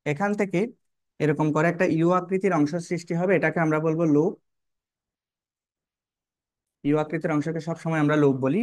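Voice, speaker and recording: Male biology tutor, a bit high-pitched, dry close recording. Repeats terms, quizzes students as he draws. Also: fairly even intonation, quick pace, darkish tone, dry recording. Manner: repetitive, checks in with "কেমন?" and rhetorical questions. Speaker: biology teacher. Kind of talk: online lesson, explaining while drawing.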